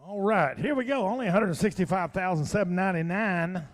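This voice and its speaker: A man's voice: high voice, brisk. A man working as an auctioneer, mixing a rhythmic, repetitive bidding chant with chatty asides. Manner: repetitive rhythmic number calling. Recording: echoey hall with long reverb.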